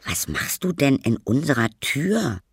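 A man's voice: mid-range voice, very animated, measured pace, vocal fry, slightly rough, dry recording, studio quality, pitched above the performer's own voice, exaggerated voice. A man voicing a curious, friendly schoolboy who asks a ghost questions.

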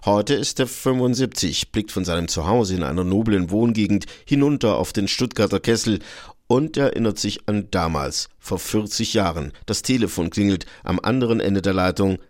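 A man's voice: on the low side, moderate pace, a little mellow. A man reading scripted narration as a radio reporter.

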